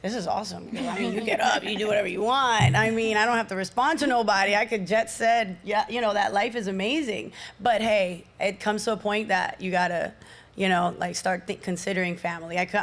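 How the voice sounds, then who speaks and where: A woman in her thirties talking on a podcast panel, animated and casual, dropping slang like "dude". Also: mid-range voice. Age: 30s. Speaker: panel guest.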